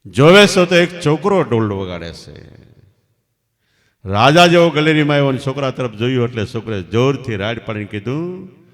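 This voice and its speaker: A man giving a devotional storytelling sermon as a spiritual teacher, swinging sharply between loud and soft. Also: medium pitch, animated, moderate pace. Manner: emphatic, rising and falling sharply in loudness. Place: large hall at night satsang. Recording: long hall reverb.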